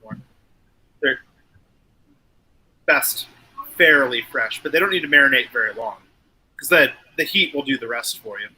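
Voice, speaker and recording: A man, a chef, explaining his cooking in a slow, measured way. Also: mid-range voice, lively intonation, bright, forceful tone, slight background noise, rough recording. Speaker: chef guest. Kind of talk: casual chat.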